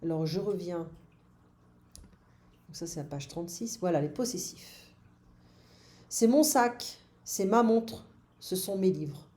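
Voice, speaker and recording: A warm, mellow woman's voice, on the low side, leads a slow French grammar lesson. She patiently drills every form in turn, adding brief English glosses.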